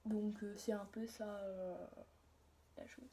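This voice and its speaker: A woman's voice: mid-range voice, flat delivery, takes it slowly, dark tone. A young woman chatting casually and hesitantly in a homemade vlog, often interrupting herself, with colloquial, mildly sweary wording, recorded on a phone. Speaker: hobby video creator. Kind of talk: casual vlog, rambling chat while showing a toy collection. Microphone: phone on a tripod or handheld. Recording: phone recording with clear background noise.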